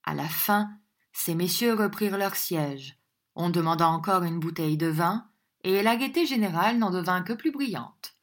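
Woman, audiobook reader, low-pitched, measured, steady narration. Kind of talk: scripted narration of a classic novel.

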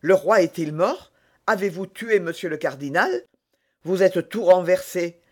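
A man's voice: high-pitched, measured pace. A man voicing a phlegmatic male musketeer in a story reading. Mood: anxious. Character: calm, dry older male musketeer.

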